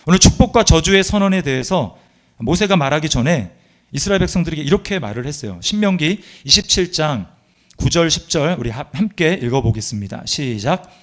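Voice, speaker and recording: A middle-aged man, a pastor, preaching a sermon in an earnest, confessional way with sudden loud emphasis in a church sanctuary. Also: a little high, lively intonation, a little fast.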